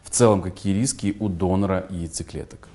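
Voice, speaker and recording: A man hosts an interview, offering brief murmurs of agreement while listening and reading viewers' questions aloud. His low-pitched voice is steady and dark in tone, and he speaks a little fast.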